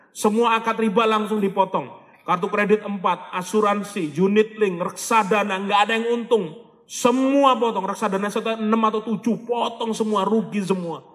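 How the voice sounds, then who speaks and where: Brief: middle-aged male motivational preacher, high-pitched, animated, hall reverb. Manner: animated, switches into quoted voices and Javanese phrases. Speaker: motivational speaker. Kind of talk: motivational religious talk.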